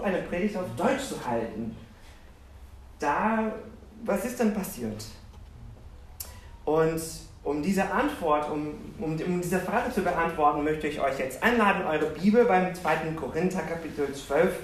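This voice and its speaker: Preaching to a congregation in a reverberant church hall, this man weaves personal stories into his sermon, poking fun at himself and putting questions to the listeners. His voice sits high and lively, captured from a distance in a roomy space.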